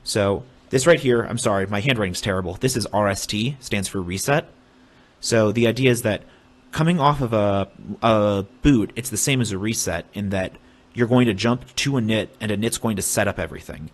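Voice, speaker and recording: A young man casually explaining a technical topic on a stream, halting with restarts as he draws diagrams. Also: fairly low pitch. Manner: halting, many fillers and restarts while drawing. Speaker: streamer explaining hardware hacking.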